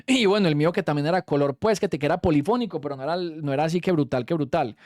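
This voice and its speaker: A man's voice: a little high, very fast, a little mellow, dry recording, clean studio sound. A young Colombian man with a Colombian Spanish accent, telling a story in a casual, slangy way and swearing freely as a streamer.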